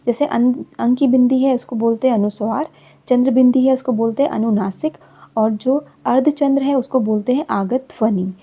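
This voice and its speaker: A middle-aged woman teaching a grammar lesson, her voice a little high and husky. She explains step by step, saying each example word slowly. The tone is mellow and dark. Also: steady tone.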